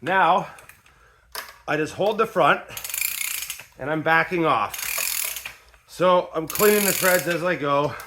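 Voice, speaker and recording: A man's voice: fairly high pitch, slow, pauses often, noisy background. A man in his workshop, casually demonstrating an old tool in a folksy, plain-spoken way, with ratchet clicks behind him. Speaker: tradesman demonstrating an antique tool.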